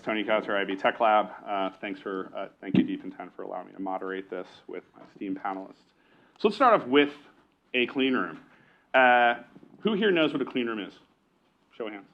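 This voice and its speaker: A man's voice: medium pitch, muffled recording. A man moderating a live conference panel, loose and joking, with frequent fillers and restarts. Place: conference stage.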